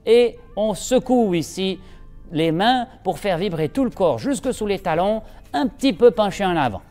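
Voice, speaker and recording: A man teaching an aikido class, guiding breathing with calm, steady cues and giving brisk instructions. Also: high voice, big-room sound, soft background music. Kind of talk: instructional demonstration.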